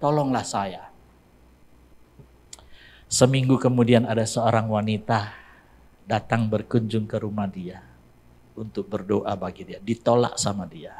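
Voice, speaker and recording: A male pastor, preaching a sermon to his congregation in an animated way, rising to emphatic exclamations. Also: fairly low pitch, breathy edge. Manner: addresses congregation directly.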